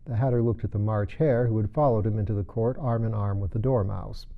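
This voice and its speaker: A man reading a children's story aloud as an expressive narrator, on a dull recording. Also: fairly low pitch, brisk. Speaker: audiobook reader.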